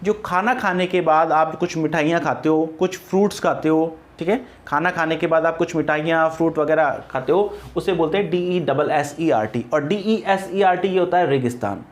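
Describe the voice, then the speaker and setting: High-voiced man teaching English grammar. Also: moderate pace, hardly any pauses. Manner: spells words out letter by letter and drills pronunciation. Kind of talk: exam-prep grammar lesson.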